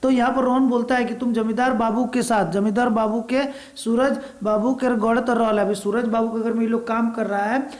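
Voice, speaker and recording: A woman's voice: a little high, flat delivery, a little fast, a little mellow. A woman teacher reading dialect story lines aloud and explaining each one to exam students, asking and answering her own questions as she goes. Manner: reads dialect lines then explains them in plain speech, asks and answers own questions.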